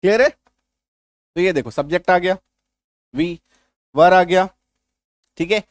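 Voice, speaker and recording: A man with a high voice teaches grammar, walking through each step and pausing often to ask if it is clear. The recording is dry and close, with no room sound. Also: no echo. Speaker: English teacher. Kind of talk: grammar lesson.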